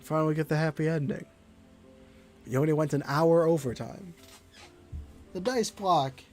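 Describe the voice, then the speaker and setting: A man with a raspy voice doing casual live commentary as he streams a game. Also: a little high, moderate pace, darkish tone, soft background music.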